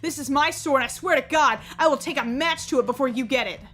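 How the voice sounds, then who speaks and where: An actress playing a defiant record-store owner who cuts into people with sharp retorts. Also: female voice, high-pitched, fast, faint music behind. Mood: furious. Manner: defiant, cutting. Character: fiery middle-aged woman record-store owner.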